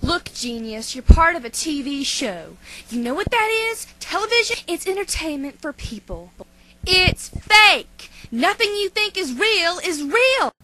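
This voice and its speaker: A woman's voice: high-pitched, animated, unhurried, a bit bright, heavily acted, rough recording. A woman voicing a sarcastic, streetwise female cat in a cartoon fan dub, with mocking, exaggerated emphasis. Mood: scornful.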